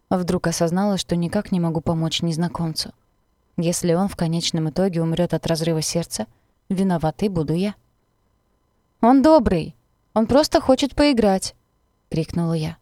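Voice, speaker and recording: Low-voiced woman narrating a story. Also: steady tone, a little fast, mellow, no echo. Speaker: audiobook narrator. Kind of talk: first-person story narration.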